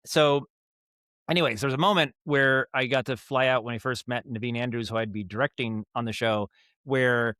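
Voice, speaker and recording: With a resonant, clear voice of medium pitch and a moderate pace, this American-accented Maine native appears as a podcast guest, free of any echo. He writes and directs audio dramas. His storytelling wanders, broken up by lively acted-out asides.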